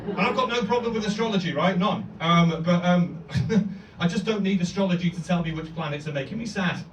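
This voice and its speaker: A man's voice: high voice, a little fast, distant mic, over a noisy crowd. A young man performing a stand-up comedy set, talking conversationally with crude language and acting out quoted voices. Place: comedy club, live audience. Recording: roomy live club sound from off-mic. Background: loud audience laughter and noise.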